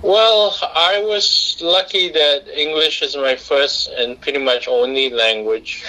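A middle-aged man from Singapore, speaking as a guest on a talk radio show. He answers at length in an earnest way, often stopping to restart a sentence, in a voice of ordinary pitch. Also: pushed and bright, poor audio. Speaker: guest, director and writer.

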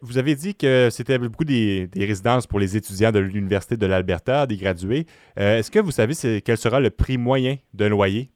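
A man's voice: on the low side, brisk, a little mellow, dry recording, clean studio sound. A man, working as an interviewer, introducing a topic and putting questions to a guest. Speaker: radio interviewer.

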